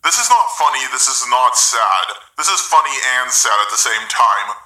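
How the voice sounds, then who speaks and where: Brief: exasperated male video commentator, sharp and bright, echoey room sound. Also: mid-range voice, sing-song, normal speed. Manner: wry, exasperated, swears. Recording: roomy echo.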